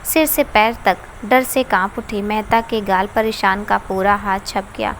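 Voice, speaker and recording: A woman reading a dramatic family story aloud as the narrator, in a steady, dramatic reading voice. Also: medium pitch, a little slow, a little hiss or hum. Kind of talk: scripted narration.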